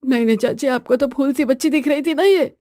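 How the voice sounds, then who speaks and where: A woman's voice: high-pitched, a little fast, warm tone, dry recording, studio quality, natural voice. A woman voicing a weary, henpecked young husband in a storybook tale, grumbling and pleading.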